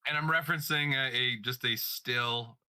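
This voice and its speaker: Bright-voiced man in casual podcast chat. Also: medium pitch, steady tone, moderate pace, smooth, no room sound. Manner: rambling and playful, with filler words. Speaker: podcast co-host.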